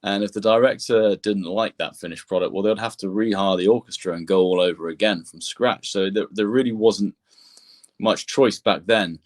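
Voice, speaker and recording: Speaking at an ordinary pace in a lower register, this man is a composer and sound engineer being interviewed. His explanations wander, and he keeps backing up to restart and repeat words.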